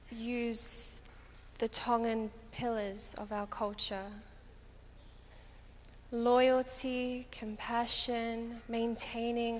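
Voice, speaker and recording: A young woman giving a deliberate, emphatic pageant answer on stage. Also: fairly high pitch. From Australia. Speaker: pageant contestant. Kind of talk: prepared public answer on stage. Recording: long hall reverb, background noise.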